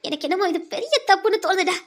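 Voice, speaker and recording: A worried middle-aged mother in a TV serial pleads with her sons in a soft, reproachful way. Her voice sits very high even when she speaks low and sorry. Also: very fast. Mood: remorseful.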